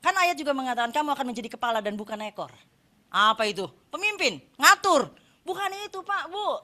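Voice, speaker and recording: A woman preacher giving a lively sermon, asking the congregation questions and answering them herself. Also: high-pitched, quick pace.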